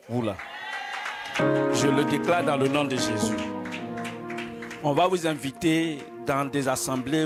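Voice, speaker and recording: A male pastor delivers a fervent, declamatory sermon, his slightly high voice drifting into chanted praise. Loud worship music plays underneath him throughout. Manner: exhorting, declamatory, slips into chanting. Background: loud church music.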